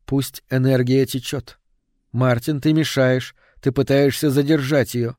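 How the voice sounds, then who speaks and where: A man voicing a calm female spirit medium who talks slowly and in a hush. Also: medium pitch, dry recording, clean studio sound, natural voice. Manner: slow, hushed and steady.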